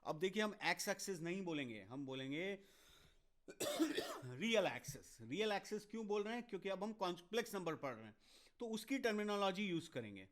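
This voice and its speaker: A man's voice: high voice, big pitch swings, a bit bright. A man teaching a maths lecture to exam students, switching between Hindi and English with an Indian accent, working through steps and answering comments from students. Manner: explains step by step, mixing Hindi and English; talks to students directly, quick asides to chat. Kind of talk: online exam-prep lecture.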